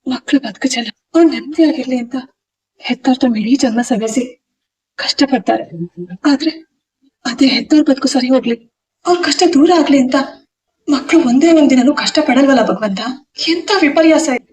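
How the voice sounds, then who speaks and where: A woman plays a proud young wife in a TV serial, curt and defensive as she pushes back. Her voice is high for a woman. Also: normal speed, pauses often, darkish tone, natural voice. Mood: lamenting. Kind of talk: TV serial acting.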